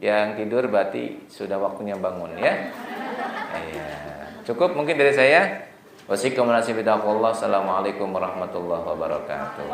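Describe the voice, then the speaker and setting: A man's voice: lowish voice, expressive, a little slow, reverberant, a crowd in the background, background noise. A man preaching to a gathering of mothers. He keeps asking the audience questions and answers them himself. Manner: acts out tearful prayers in a soft, hushed voice. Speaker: preacher at a mothers' study circle. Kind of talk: religious lecture to women.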